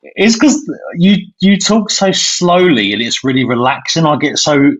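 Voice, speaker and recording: Fast-talking enthusiastic male host, husky. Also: on the high side, sing-song. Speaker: podcast host. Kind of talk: interview conversation. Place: remote call. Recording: muffled lo-fi sound.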